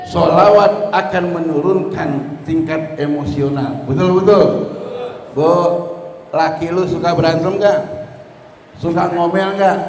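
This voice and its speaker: A man preaching a lively Maulid sermon, joking with his listeners and breaking into sung verses. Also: sits high, slight background noise. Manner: jokey, banters with the audience, breaks into sung verses. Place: mosque hall. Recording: echoey hall, faint ambience.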